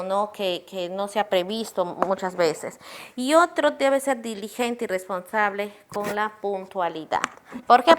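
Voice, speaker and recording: A woman's voice: mid-range voice, fairly bright tone. A middle-aged woman teaching a church class on children's ministry, earnestly asking questions and answering them herself. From Peru. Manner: earnest, asks and answers own questions, addresses listeners as brothers.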